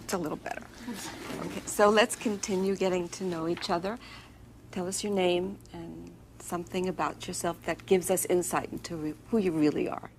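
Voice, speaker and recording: An actress playing a workshop leader who talks in an upbeat, coaxing way. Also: female voice, lowish voice, steady tone, moderate pace, darkish tone, slight background noise, lightly acted.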